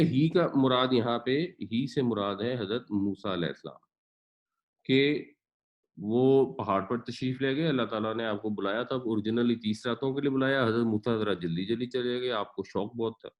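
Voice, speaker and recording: A man teaching a Quran class, patiently explaining grammar and pronunciation with everyday examples. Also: medium pitch. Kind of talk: explanatory lecture.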